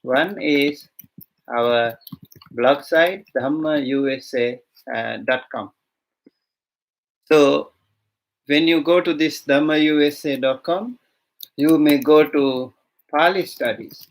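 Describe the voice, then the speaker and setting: A Sri Lankan monk with a Sri Lankan accent teaches an online beginners' language lesson. His fairly high voice is unhurried, with many fillers and restarts.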